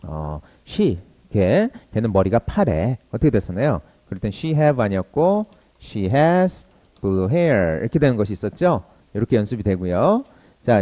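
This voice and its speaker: A man teaching English to Korean learners in an online lesson, drilling phrases briskly and slowing down for model sentences. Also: fairly low pitch, muffled recording.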